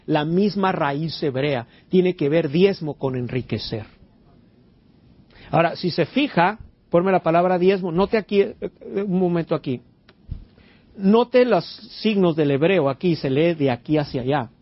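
A man's voice: on the high side, husky, no echo. A man preaching a sermon in church, quizzing the congregation and throwing in amens and hallelujahs. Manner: preachy, asks the congregation questions, interjects amen and hallelujah. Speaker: pastor. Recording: dull lo-fi church recording.

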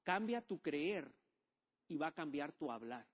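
Animated pastor preaching, man. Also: a little high, measured pace. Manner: animated preaching with call-and-response. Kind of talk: sermon.

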